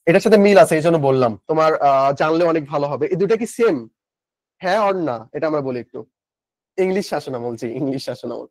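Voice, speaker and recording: A young man with a Bangladeshi Bengali accent runs a live online class in a high-pitched voice. He keeps things chatty, firing questions at the class and answering them himself between student comments. The sound is dry and close to the mic. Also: expressive, a little fast, a little mellow, no echo. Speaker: online admission-coaching teacher.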